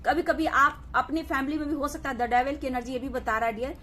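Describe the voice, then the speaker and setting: High-voiced woman giving a tarot reading. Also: brisk, bright, forceful tone, slight background noise. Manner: reassuring, repeats "ठीक है" and "dear" often. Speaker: tarot reader. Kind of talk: collective tarot reading to camera.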